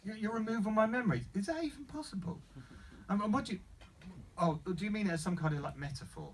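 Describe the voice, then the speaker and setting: Man playing a baffled, high-voiced sceptical customer. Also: expressive, quick pace, breathy edge, far from the mic, heavily acted. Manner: hesitant, stammering, questioning. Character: baffled, sceptical male customer probing for the catch. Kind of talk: live screenplay table read.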